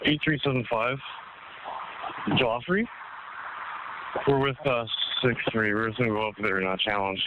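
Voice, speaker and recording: A male police officer radioing dispatch in a mid-pitched voice. The police radio sound is dull and lo-fi, buried in heavy noise. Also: moderate pace, pauses often. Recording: muffled, very noisy police radio.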